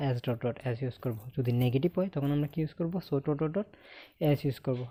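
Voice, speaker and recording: Fast-talking Bangladeshi man teaching grammar. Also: fairly high pitch, mellow. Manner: asks the class questions and answers them himself; ends points with a checking "okay?". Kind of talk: recorded online lesson.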